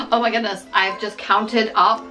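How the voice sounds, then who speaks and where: Soft music plays beneath a rough recording of a middle-aged woman vlogger, born in the US, whose American accent shows some Scottish influence. Her voice is a little high, bright and forceful at a measured pace as she chats to camera, poking fun at herself with lots of ums.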